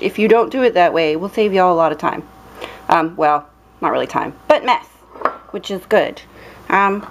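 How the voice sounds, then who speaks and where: Filming her hands up close, a young woman casually walks through a recipe in a dimly lit home kitchen as a cooking vlogger. She sounds playful and talkative, with lots of ums and happy exclamations, and her voice sits on the high side over background noise.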